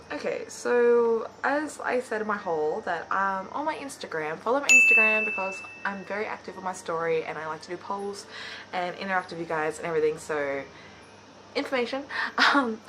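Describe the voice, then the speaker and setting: A young woman vlogger talking casually and rambling, full of fillers and quick self-corrections. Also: medium pitch, pushed and bright, a little hiss or hum, rough recording. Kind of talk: casual chat.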